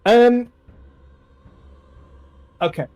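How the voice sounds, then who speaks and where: A man running a tabletop role-playing game on stream. He narrates scenes and talks rules in a relaxed way, with pauses and fillers. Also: very high voice, clean tone, lo-fi sound. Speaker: game master.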